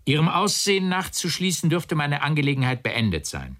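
A man's voice: sing-song, fairly quick, fairly bright tone. A man doing an indignant arrested man. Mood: stiffly formal. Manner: exclaiming, outraged, rising to high cries. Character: agitated indignant arrested man, middle-aged.

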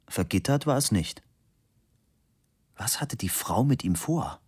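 Ein Mann, der einen Roman als Hörbuch gemessen und trocken vorliest. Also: male voice, lowish voice, breathy edge. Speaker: audiobook narrator. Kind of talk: literary audiobook reading.

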